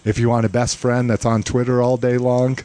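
A man co-hosting a podcast chats casually, rambling, poking fun at himself, and laughing often. His medium-pitched voice is warm and level in tone, and he talks a little fast.

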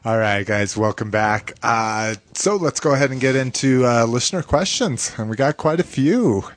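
A man's voice: mid-range voice, lively intonation, normal speed, faint music behind. A man hosting a casual podcast, chatty and enthusiastic, with frequent restarts. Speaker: podcast host.

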